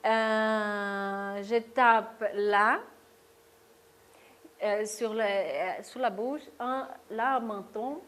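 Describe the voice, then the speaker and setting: A woman's voice: mid-range voice, steady tone, very slow, fairly bright tone. A woman leading a workshop talk, explaining a technique step by step and often checking with "d'accord?". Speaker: workshop speaker on stress. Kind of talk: live talk demonstrating tapping technique. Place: lecture room with audience.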